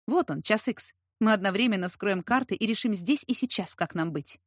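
A woman narrating a first-person romance story in a steady, expressive storytelling voice. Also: medium pitch, moderate pace, dry recording, clean studio sound.

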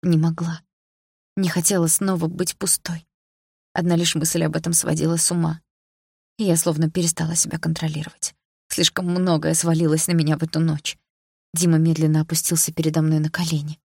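A woman narrating a first-person audiobook in an even, intimate reading. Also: low voice, fairly quick, creaky, breathy edge, no echo, clean studio sound. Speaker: audiobook reader.

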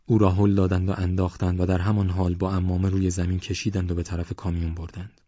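A man narrating a novel as an audiobook in a measured, even storytelling manner. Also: deep voice, breathy edge, no echo, muffled recording. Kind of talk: scripted narration.

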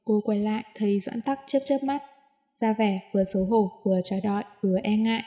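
Mellow woman narrating a story. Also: medium pitch, a little fast, highs cut off. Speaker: audiobook narrator. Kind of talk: scripted narration.

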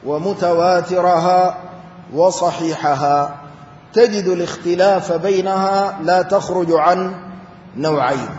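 A man's voice: fairly high pitch, a little mellow. A man teaching a religious lecture on the Quran. He explains step by step, repeats key points, recites verses, and addresses his listeners as brothers. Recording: echoey hall, dull sound, faint hum.

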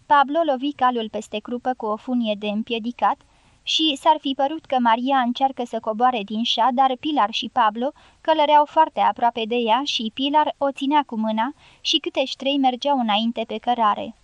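Audiobook narrator, woman, high voice, dry close sound, even measured delivery. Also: no room sound, highs cut off.

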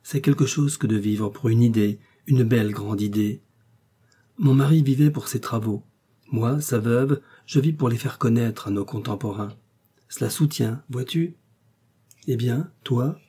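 A man reading the lines of a gentle widowed countess who speaks in a soft, even voice. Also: medium pitch, a little slow, slightly rough. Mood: gentle persuasion. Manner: soft and unmodulated.

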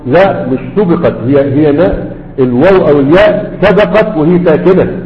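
A man's voice: fairly high pitch, moderate pace. A man with an Egyptian accent giving a grammar lesson who keeps checking with his students, asking "right?". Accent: Egyptian Arabic. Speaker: teacher of Arabic grammar. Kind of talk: classroom lecture. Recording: echoey hall, dull lo-fi sound.

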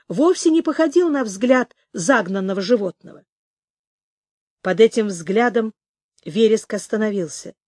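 A woman narrating a novel as an audiobook, in a measured, expressive reading. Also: fairly high pitch, dry recording, studio quality. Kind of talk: scripted narration.

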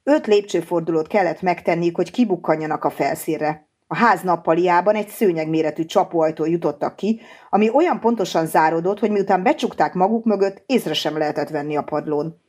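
A woman narrating a translated thriller as an audiobook, in a steady, measured way. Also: lowish voice. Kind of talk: scripted narration.

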